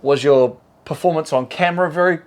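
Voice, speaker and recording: A man's voice: on the high side, brisk. A man hosting a casual interview, upbeat and encouraging, often repeating words as he talks. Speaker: host.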